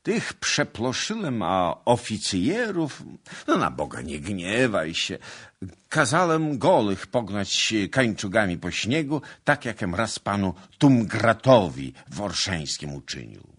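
A hot-headed young cavalier, put on by a male audiobook reader. The voice is husky and lifts well above his low base, brash and boastful. The pitch swings widely while the pace stays unhurried. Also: expressive, heavily acted. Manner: boastful, loud and pleading by turns. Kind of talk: audiobook character reading.

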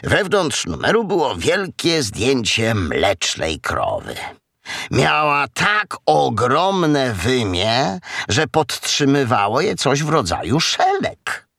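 Man, storybook narrator, slow, gravelly, very lively pitch, dry close sound. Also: no room sound. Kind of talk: storybook reading.

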